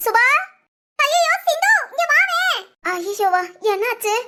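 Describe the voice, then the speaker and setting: Woman doing a squeaky cartoon young wife. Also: measured pace, noisy background, exaggerated voice. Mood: fretting. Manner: excitable, whiny complaints, giggly. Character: chatty young wife in a cartoon family comedy. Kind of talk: cartoon voice acting.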